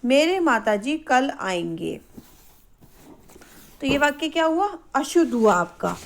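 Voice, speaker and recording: A woman teaching a grammar lesson, reading words out slowly and saying each one twice. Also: high voice, very animated, gravelly. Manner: slow, careful, repeats each word twice.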